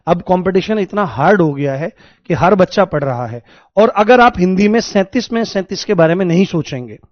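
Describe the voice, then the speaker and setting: A man teaching a live online class, lively, repeating points and questioning his students. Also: high voice, brisk, no room sound, highs cut off.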